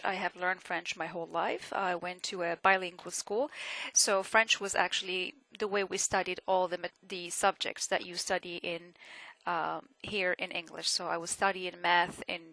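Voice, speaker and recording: A woman teaching a French lesson, patiently explaining and repeating words slowly to show how they sound. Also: lowish voice, vocal fry, bright, forceful tone, no echo, rough recording. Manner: patient, explanatory, with frequent fillers. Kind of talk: classroom lesson on French pronunciation.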